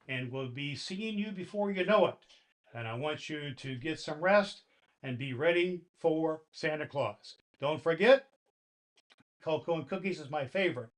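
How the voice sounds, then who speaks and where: A man voices a jolly old Santa Claus, playing him as a kind, grandfatherly storyteller who reads to children with deliberate, theatrical emphasis. His voice sits a little high, and the mood is warm and kindly.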